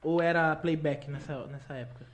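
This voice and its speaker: A woman hosting a podcast, asking questions and chiming in with quick, chatty remarks. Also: low voice, steady tone. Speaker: podcast host. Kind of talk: casual interview chat. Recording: roomy echo, clear background noise.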